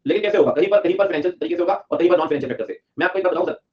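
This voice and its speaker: A young man from Delhi teaching accounting in a lively lecture, acting out an auditor and a client in playful voices. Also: a little high, racing. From Delhi, India. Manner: animated, acts out auditor and client in funny voices. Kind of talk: lively classroom lecture with acted skits. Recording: dull lo-fi recording.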